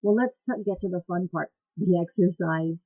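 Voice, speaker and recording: A woman with a fairly low voice talks at an ordinary pace, with no room sound, teaching dance cueing instructors how to look after their voices. She keeps it simple and practical, recorded through a webcam that gives a thin, phone-like quality.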